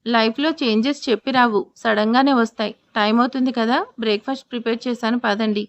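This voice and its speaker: A woman's voice: a little high, steady tone, brisk, dull audio, natural voice. A woman voicing a playful young wife who teases lightly. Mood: gentle. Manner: teasing, light.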